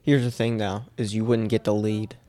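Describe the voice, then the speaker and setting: A man's voice: on the low side, level tone, normal speed, mellow, dry recording. A man in a casual podcast chat, skeptical and pushing back on the others.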